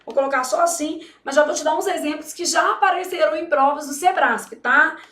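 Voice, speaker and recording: High-voiced emphatic woman teaching grammar. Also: brisk, fairly bright tone, reverberant. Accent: Brazilian Portuguese. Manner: emphatic, dramatic, full of teacherly checks. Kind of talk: exam-prep grammar lesson.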